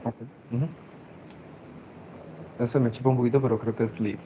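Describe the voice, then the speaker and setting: A man's voice: medium pitch, fairly even intonation, mellow. Spanish native guy student sounding out english words, unsure hums, muffled call with faint hiss. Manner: tentative, repeats words slowly with hums. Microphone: video call.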